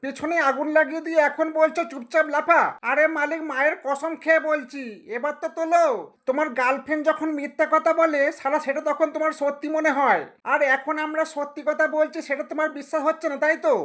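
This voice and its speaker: A woman's voice: sits high, level tone, quick pace, a bit bright. A woman voicing boiling eggs that plead and scold their owner with crude jokes. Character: panicky cheeky boiling eggs, complaining loudly. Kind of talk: comic voice-acting sketch.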